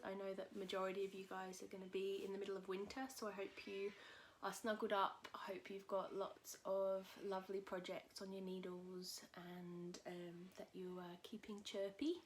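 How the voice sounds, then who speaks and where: A woman hosting a casual knitting podcast from home, a little husky from a cold, chatting in a rambling way with many fillers. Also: medium pitch, steady tone, moderate pace, few pauses, slight background noise. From England. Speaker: podcast host. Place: at home in a tiny house. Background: cockatoos calling outside.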